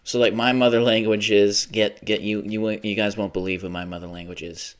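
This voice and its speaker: A young man livestreams a video game, rambling casually in a lowish, fairly flat voice at a slightly quick clip. He swears a lot and laughs at his own jokes throughout this relaxed live gaming commentary.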